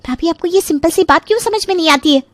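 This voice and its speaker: A woman's voice: very high voice, fast talker, dry recording, voice pushed up. A woman voicing an impatient young college-going sister-in-law in a cartoon story.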